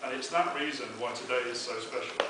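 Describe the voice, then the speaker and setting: A man's voice: medium pitch, steady tone, brisk. Best man, young male, anecdotal wedding speech; echo-heavy, noisy, off-mic sound. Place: inside a wedding venue, speaking to guests. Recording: very echoey, noisy, distant event recording.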